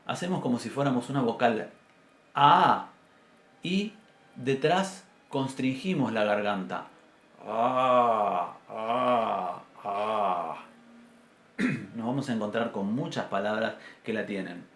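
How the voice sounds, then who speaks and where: A man teaching a Biblical Hebrew class with an Argentine Spanish accent, explaining patiently and sounding out letters aloud, often clearing his throat. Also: medium pitch, expressive, normal speed, reverberant. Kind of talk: university class lecture. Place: classroom with a blackboard.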